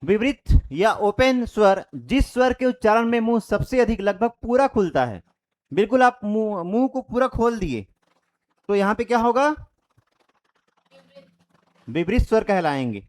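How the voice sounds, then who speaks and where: High-voiced man teaching a grammar class. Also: big pitch swings, a little slow, pauses often, a little mellow. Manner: explains step by step with repeated checks; demonstrates sounds by saying them aloud. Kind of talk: online Hindi grammar lesson.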